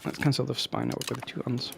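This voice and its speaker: A man's voice: medium pitch, completely flat delivery, quick pace, gravelly, fairly bright tone, slight background noise. A man casually commenting on his own strategy game, rambling and breaking off into chatty asides.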